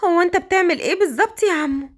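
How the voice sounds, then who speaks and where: A woman with an Egyptian accent voicing a timid young orphan girl who pleads in a quick, anxious way. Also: very high voice, voice pushed up. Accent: Egyptian Arabic.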